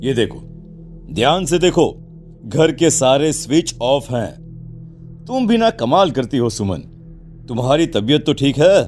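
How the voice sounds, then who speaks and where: A man voicing Akhil, a calm young husband in a cartoon story, reassuring and a little dismissive. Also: medium pitch, measured pace, long pauses, soft background music.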